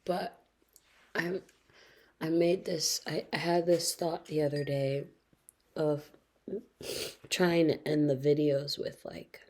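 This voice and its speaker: Slow, husky-voiced young woman. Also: low-pitched, fairly even intonation. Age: 20s. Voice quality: husky, often dropping to a whisper. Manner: slow, reflective, hesitant, with soft laughs. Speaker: vlogger. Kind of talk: personal video diary.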